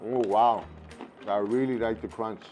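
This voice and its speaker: This food reviewer is a man in his thirties whose voice is still husky from losing it yesterday; he chats at his home table while taste-testing a snack. He speaks at a fairly low, steady pitch, a little slow and a little mellow, with faint music behind and poor audio from a lapel mic. Relaxed and full of fillers as he thinks aloud, he drops into Spanish with his kids.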